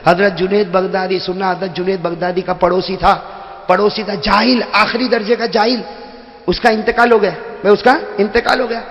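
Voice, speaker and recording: High, bright-voiced preacher in an echoey hall. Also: male voice, steady tone, vocal fry, lo-fi sound. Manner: jokey, teases listeners by name, calls out to the crowd. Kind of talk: humorous sermon to a gathering. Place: large hall with a seated audience. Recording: echoey hall with long reverb.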